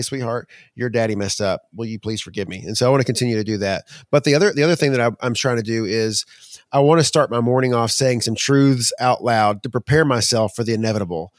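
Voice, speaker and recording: A man chatting casually as a podcast co-host, earnest and reflective. He talks quickly, and the sound is dry and close with no room around it. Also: mid-range voice, no room sound. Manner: earnest, animated when retelling frustration. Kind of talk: casual chat.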